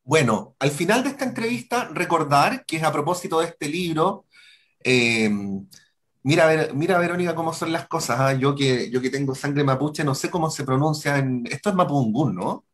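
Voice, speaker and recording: A man's voice: on the high side, normal speed, a bit bright. Man hosting a radio interview. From Chile. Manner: conversational, friendly wrap-up with time announcements. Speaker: radio host.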